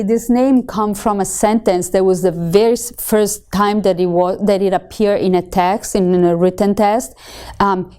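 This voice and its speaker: A woman from Italy with an Italian accent, giving a conversational lecture to students and often pausing with ums and correcting herself. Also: mid-range voice, dark tone, clean tone. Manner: conversational teaching with frequent ums and self-corrections. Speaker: feng shui instructor.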